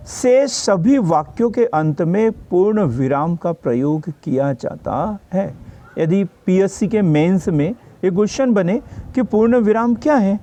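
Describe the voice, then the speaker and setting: A man's voice: high-pitched, dark tone. A man teaching a grammar lesson for exam preparation. He explains patiently, repeats each definition and checks in with his students.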